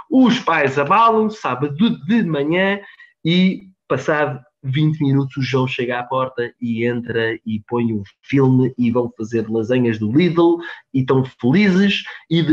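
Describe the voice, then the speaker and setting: Man telling a story at a conference. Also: fairly high pitch. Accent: European Portuguese. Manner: repeats words and tags lines with "não é?". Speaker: speaker at a conference. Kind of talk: storytelling talk to an audience. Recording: dull lo-fi conference recording.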